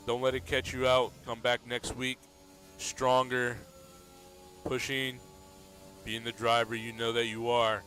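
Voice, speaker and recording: Slow, bright-voiced male race commentator. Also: mid-range voice. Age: adult. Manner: relaxed, steady play-by-play with fillers. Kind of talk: sim racing commentary.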